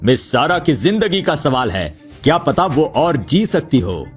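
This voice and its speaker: Arrogant scornful doctor. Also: male voice, fairly high pitch, very animated, a little slow, husky, faint music behind, full character voice. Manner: scornful, indignant. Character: arrogant jealous doctor, poison expert. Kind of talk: Hindi dub of a drama series.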